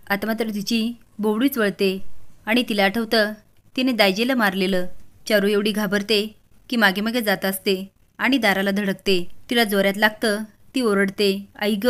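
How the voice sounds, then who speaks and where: A woman narrating a family drama story in a steady storytelling manner. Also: mid-range voice.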